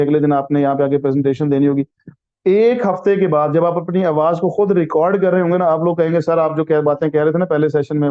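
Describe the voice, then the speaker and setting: A man teaching an online English class, drilling letter sounds slowly one by one and mixing English phrases into his lecture. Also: on the high side. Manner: mixes Hindi-Urdu with English phrases. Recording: slightly dull, lo-fi audio.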